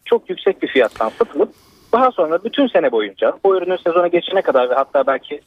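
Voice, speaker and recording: A man calling a radio show over a landline phone, giving a long, winding opinion with many hesitations. His husky voice swings widely in pitch, and the line sounds tinny and dry. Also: big pitch swings, fast talker. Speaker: radio caller. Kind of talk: call-in opinion, many fillers.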